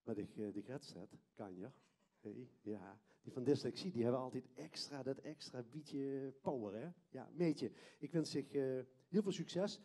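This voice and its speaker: A man's voice: medium pitch, animated, normal speed, dark tone. A man in his fifties with a Limburgish Dutch accent, hosting live on a theatre stage with a handheld microphone in informal, hesitant phrases. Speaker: stage host, schoolteacher. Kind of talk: live presenting and chatting with contestants. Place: theatre stage before an audience.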